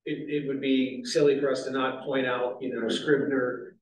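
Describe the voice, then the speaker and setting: A man's voice: mid-range voice, level tone, moderate pace, slight background noise. A man chairing a city zoning board meeting, talking in a rambling way with many fillers and restarts. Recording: echoey meeting room, distant mic.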